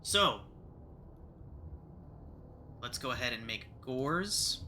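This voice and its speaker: A man's voice: medium pitch, expressive, very slow, sharp tone, slight background noise. A man narrating a tabletop game as the game master.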